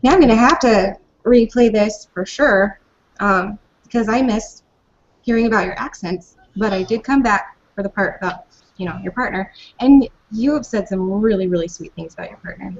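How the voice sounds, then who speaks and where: A woman co-hosting a panel, chatting in a warm, effusive way on a video call. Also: medium pitch, normal speed. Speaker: panel co-host. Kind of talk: casual video call chat. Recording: dull lo-fi video call audio.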